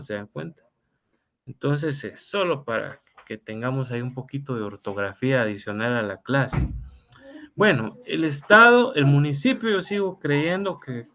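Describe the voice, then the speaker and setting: A man's voice: mid-range voice, fairly bright tone. A middle-aged man teaching an online law class, talking conversationally with fillers and tag questions. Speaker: law lecturer.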